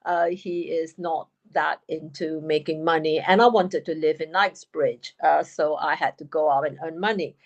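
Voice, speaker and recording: A woman in her fifties, a panel guest telling her life story in a frank, brisk, self-deprecating way. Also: low-pitched, steady tone, lo-fi sound. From United Kingdom. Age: 50s. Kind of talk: candid storytelling.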